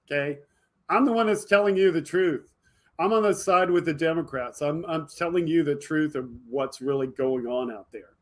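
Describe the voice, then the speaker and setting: A political video podcast host, his voice a touch high, rails passionately at his audience in a direct, emphatic monologue from an indoor home studio fitted with a green screen. He swings from loud, forceful bursts to softer asides at a normal speed.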